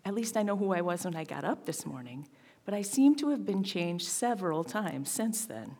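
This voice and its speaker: A woman's voice: fairly low pitch, very animated, moderate pace, warm tone. A woman voicing a shy, polite young girl who speaks hesitantly and apologetically, as in a storybook reading.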